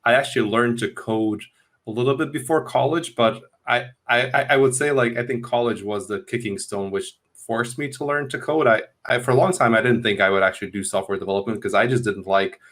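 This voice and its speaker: A Hungarian-born man in his thirties, his voice mid-range, fairly bright and fairly quick, describes his career as a guest on a video call. It's casual interview talk, and he rambles, restarts sentences and repeats words at the start. He's in a small room at home, speaking through earphones.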